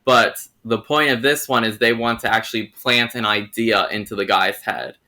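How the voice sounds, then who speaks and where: Bright-voiced young man rambling casually. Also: on the low side, fairly even intonation, normal speed. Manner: rambling, restarts and hedges. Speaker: host. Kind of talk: casual film review chat.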